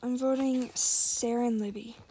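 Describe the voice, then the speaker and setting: A woman chatting quickly through a video game, giggly and reactive. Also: fairly high pitch, fairly even intonation, dark tone, slightly rough. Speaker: gamer. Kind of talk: casual gameplay commentary.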